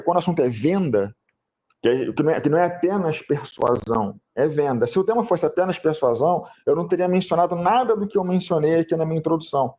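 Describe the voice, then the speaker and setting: Mellow man explaining with car comparisons. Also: a little high. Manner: explains with extended car and phone comparisons, repeats his points. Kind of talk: live panel talk on sales. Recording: dull lo-fi stream audio.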